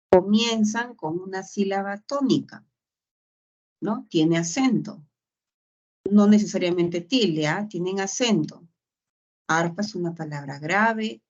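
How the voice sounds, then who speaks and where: A woman's voice: lowish voice, husky. A woman teaching a grammar lesson, explaining patiently and checking in with short tag questions. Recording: dull lo-fi sound.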